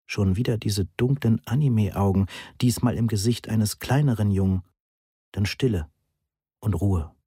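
A man reading a first-person novel aloud as audiobook narrator, measured, dry and understated. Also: on the low side, warm tone, husky, no echo.

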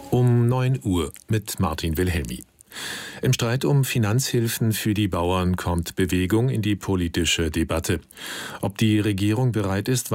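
Ein Mann moderiert förmlich Radionachrichten aus dem Studio. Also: male voice, deep voice, a little mellow, dry recording. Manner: crisp, formal. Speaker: news presenter. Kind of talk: radio news.

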